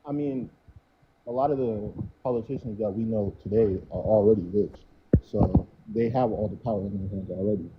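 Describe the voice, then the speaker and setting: A man's voice: lowish voice, big pitch swings, moderate pace, gravelly, background noise. Muffled through-a-wall sound, young man, hesitant with fillers, remote call mic. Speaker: call-in guest. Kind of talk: casual debate over a call.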